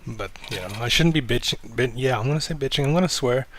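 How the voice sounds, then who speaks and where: A man hosting a casual livestream chat, rambling and self-deprecating, swearing offhandedly in a low-key, fairly monotone way. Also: fast, slight background noise. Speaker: livestream host.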